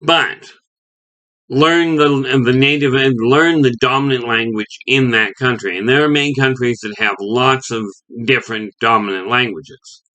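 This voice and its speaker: A man's voice: medium pitch, measured pace, bright, forceful tone, rough recording. A man from Canada giving a rambling opinion monologue as a video host, often restarting and saying "okay".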